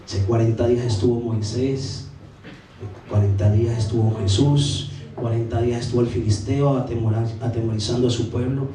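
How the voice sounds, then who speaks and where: A man preaching a sermon as pastor, earnest and steady, pausing and restarting phrases as he goes. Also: mid-range voice, recorded from a distance, over music. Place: large church sanctuary. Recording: very echoey church recording from afar.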